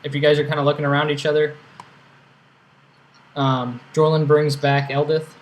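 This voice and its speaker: A young man leads a tabletop session as game master, his voice sitting a touch high. He narrates casually, pausing often and filling gaps with ums and uhs. A faint hiss runs under his voice. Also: level tone, low-quality recording. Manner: casual, hesitant with many fillers.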